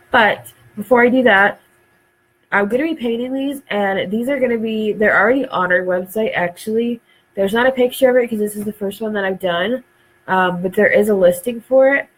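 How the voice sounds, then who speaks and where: A woman's voice: mid-range voice, a little hiss or hum, poor audio. A woman hosting a casual craft live stream. She is stuffed up and dry-throated from a cold, and she rambles with many ums and uhs.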